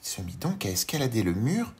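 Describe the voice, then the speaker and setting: A male storyteller narrating a children's audiobook, slow, gentle and expressive as he addresses a young listener. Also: mid-range voice, a little hiss or hum.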